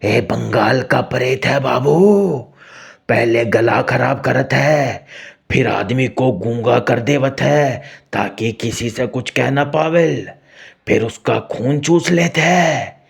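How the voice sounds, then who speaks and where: Man doing a slow gravelly village servant. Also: mid-range voice, full character voice. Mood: earnest, urgent. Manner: slow, drawling rural dialect speech. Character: humble village servant man, earnest, fearful.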